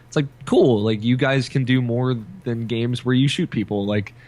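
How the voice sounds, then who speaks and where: A man's voice: medium pitch, fairly even intonation, moderate pace, a little mellow. A man talking passionately and casually, with enthusiasm and plenty of slangy filler words, like a podcast host. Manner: heavy use of 'like' and slang. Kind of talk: casual chat about video games.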